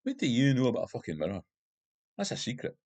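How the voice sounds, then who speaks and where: A man's voice: mid-range voice, huge pitch swings, fast, a little mellow, dry recording, pitched above the performer's own voice. A man voicing a drunk, belligerent, middle-aged Glasgow gangster with a Glaswegian accent and coarse, swearing speech. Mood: alarmed. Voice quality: coarse, swearing, slurred by whiskey. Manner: belligerent and panicky.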